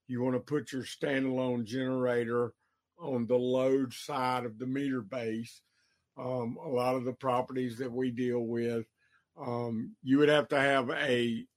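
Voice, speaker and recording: A man hosting a podcast on electrical work, explaining costs slowly with many ums and uhs, hiccuping now and then. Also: mid-range voice, a little mellow. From Georgia, USA. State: has the hiccups.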